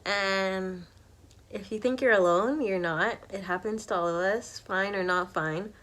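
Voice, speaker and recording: A young woman vlogger chatting casually to viewers while she does her makeup, animated and candid, slipping into whispered asides. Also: mid-range voice, measured pace. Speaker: beauty vlogger.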